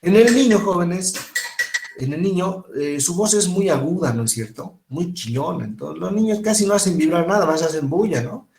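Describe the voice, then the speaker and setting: Lively male medical lecturer. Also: high voice, normal speed, vocal fry, roomy sound. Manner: lively, rhetorical, quips and mimics voices. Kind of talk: informal recorded lecture.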